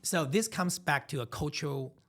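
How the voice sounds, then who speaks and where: A man's voice: on the high side, lively intonation, normal speed, a bit bright. Man, thirties, from Taiwan; podcast co-host, reflective and emphatic, repeats himself as he works through ideas. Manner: reflective, emphatic storytelling with frequent restarts. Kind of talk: casual podcast chat.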